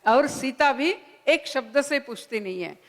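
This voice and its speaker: Woman lecturer, fairly high voice, retells scripture slowly in a hall with a long reverb. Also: expressive. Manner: unhurried storytelling with quoted dialogue. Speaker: speaker at a Ramayana conference. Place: conference hall.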